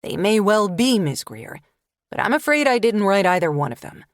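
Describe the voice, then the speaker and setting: A woman's voice: medium pitch, big pitch swings, moderate pace, no room sound, studio quality, close to an everyday voice. Woman voicing a curt, wary man on the phone. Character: guarded terse grown man on phone. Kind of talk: audiobook narration.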